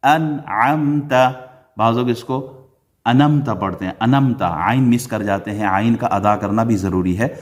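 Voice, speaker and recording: A man teaching how to correct pronunciation mistakes in prayer recitation. He contrasts the wrong and right way to say each word, mixes in some English terms, and recites the verses slowly in a melodic chant. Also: on the low side, fairly even intonation. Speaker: Islamic teacher.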